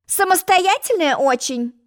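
A woman's voice: high voice, very animated, pitched above the performer's own voice. A woman doing a pompous, boastful storybook egg. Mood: lecturing. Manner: haughty, lecturing, quick to take offense. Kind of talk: storybook reading.

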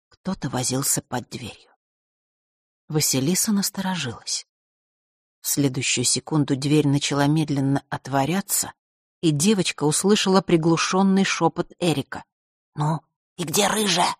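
A narrator reading a children's fantasy story aloud in a lively, expressive way. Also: mid-range voice, dry recording, clean studio sound. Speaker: audiobook narrator.

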